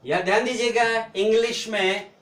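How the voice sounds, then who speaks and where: A man teaching the alphabet, spelling out each letter slowly and answering his own questions as he explains. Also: high-pitched, fairly even intonation, a bit bright, reverberant. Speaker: language teacher. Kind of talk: explaining lesson.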